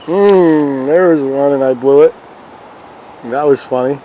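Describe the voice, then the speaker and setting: A fishing vlog host stands in a river outdoors, chatting to viewers with casual, folksy commentary while he fishes. His voice is on the high side, a little slow and warm. The recording is rough, with the river and ambient sounds coming through clearly.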